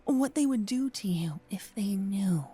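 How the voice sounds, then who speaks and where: A woman acts out a slow, breathy close-up ASMR roleplay as a gentle, possessive female vampire kidnapper who sees herself as a protector. Her medium-pitched, expressive voice is soft and frequently whispered, earnest and urgent, with dramatic pauses, captured ear to ear on a close binaural microphone.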